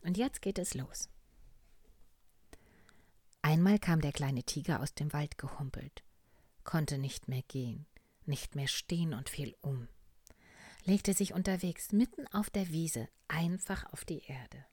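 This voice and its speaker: A woman reading a children's story aloud in a gentle, hushed and expressive way. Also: low-pitched, a little slow, pauses often, slightly rough, dry recording, clean studio sound.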